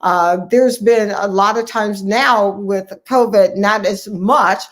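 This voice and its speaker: Here an Ohio woman who practices family medicine is being interviewed, her voice sitting mid-range and moving at a slow pace. Earnest and conversational, she drives her points home, frequently saying a phrase a second time to stress it.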